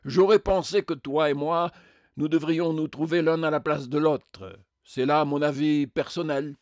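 An indignant, resentful burly ghost, as a man reading the tale puts him on, voice pushed higher and louder than the narration. He protests and complains in a storybook reading, recorded dry and close. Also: fairly even intonation, a little slow, no echo, lightly acted. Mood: self-righteous.

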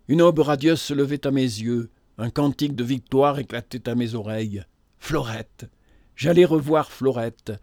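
A man's voice: medium pitch, dark tone, no echo, clean studio sound. Man reading a novel with passion. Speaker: narrator.

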